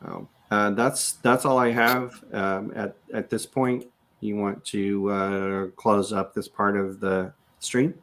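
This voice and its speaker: A man co-hosting a live-streamed data podcast, speaking in a relaxed, halting way as he recaps. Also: on the low side. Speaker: podcast co-host, database administrator. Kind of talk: casual live-stream chat.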